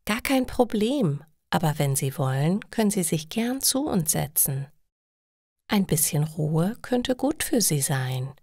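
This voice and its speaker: A woman voicing a calm female meditation teacher who speaks quietly and slowly. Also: fairly low pitch, dry recording, clean studio sound, exaggerated voice. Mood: gentle. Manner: quiet, slow, soothing instructions.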